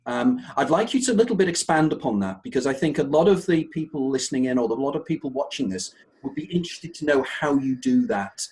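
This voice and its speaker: A man's voice: medium pitch, lively intonation, quick pace, darkish tone. Enthusiastic male interview host. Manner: enthusiastic, repeats words while searching.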